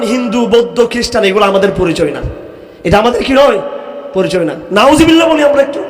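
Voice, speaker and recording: Bangladeshi guy preaching loud and scolding, really high voice, echoey hall. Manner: scolding, rhetorical questions to the crowd. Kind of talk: fiery sermon.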